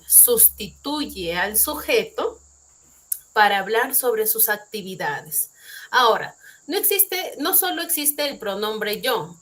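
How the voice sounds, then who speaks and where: A Peruvian woman teaches an online English class at a middle pitch. She explains step by step, repeats her examples and tosses in little tag questions. She is recorded on a computer mic at home, with faint crickets behind her. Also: fairly bright tone. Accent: Peruvian Spanish. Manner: explains patiently, asks rhetorical questions.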